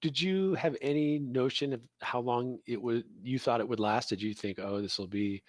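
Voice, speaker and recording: Middle-aged man, mid pitch, dry sound, casual reflective chat, stumbling repeats. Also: normal speed, dry recording. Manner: rambling, repeats words, reflective. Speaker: podcast co-host. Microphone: video call.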